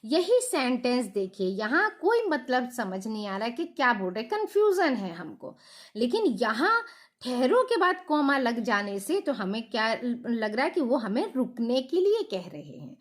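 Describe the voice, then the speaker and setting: A woman's voice: a little high, big pitch swings, unhurried. A middle-aged woman teacher giving a patient grammar lesson to children, asking questions and repeating the key points.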